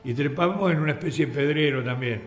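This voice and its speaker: An older Argentine man tells stories as a radio guest and acts out the voices of the people in them. His voice sits a little high. The studio sounds roomy and echoey, and soft music plays underneath. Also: fast. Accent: Argentine Spanish. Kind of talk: anecdotal storytelling on radio.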